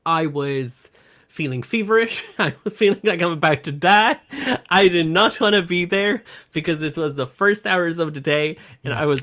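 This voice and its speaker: A co-host and convention artist, gushing fondly and telling stories in casual podcast chat. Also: medium pitch. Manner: slow, warm-hearted, gushing storyteller.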